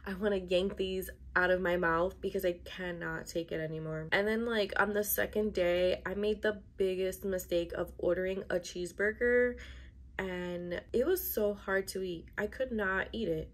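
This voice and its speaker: A woman's voice: medium pitch, normal speed. Young woman vlogging, emphatic and casual. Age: young adult. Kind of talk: casual chatty vlog to camera. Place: bedroom, indoors.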